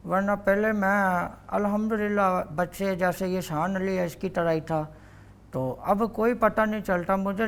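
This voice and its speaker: Elderly grandfather, high and rambling, put on by a male mimic.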